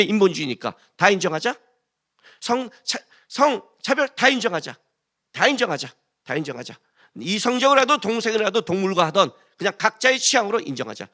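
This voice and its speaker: Pastor, middle-aged man, lively high-pitched sermon delivery, keeps challenging the pews with questions. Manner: animated, rhetorical questions to the congregation, acts out quoted voices.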